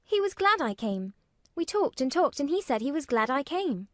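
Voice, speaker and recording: A woman reads the part of a blunt, self-assured young girl, using a high, clipped, matter-of-fact voice that swings freely in a sing-song way at normal speed. The tone is a bit bright, and the recording is close and dry with no room sound.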